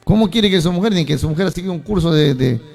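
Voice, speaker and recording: Preacher, male, high gravelly voice, lively storyteller who acts out voices, faint music underneath. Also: quick pace. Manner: animated storytelling, acting out voices of churchgoers. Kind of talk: sermon.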